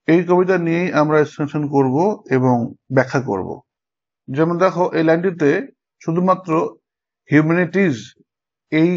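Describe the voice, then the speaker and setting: A man teaching a lesson, explaining step by step and pausing to check that his students follow. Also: on the high side. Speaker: English teacher. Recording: dull lo-fi sound.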